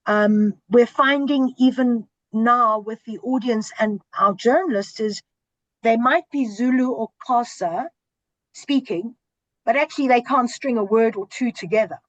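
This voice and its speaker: On a video call panel, a woman who is a senior broadcast journalist makes her case earnestly and with emphasis, using lists and repetition to drive points home. Her voice is a little high, and the audio is dull, without echo.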